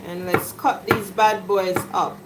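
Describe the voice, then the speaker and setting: A woman's voice: mid-range voice, steady tone, takes it slowly, heavy background noise. A woman hosting a casual live cooking stream from her home kitchen, chatty and greeting viewers by name. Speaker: cooking livestream host. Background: washing machine running.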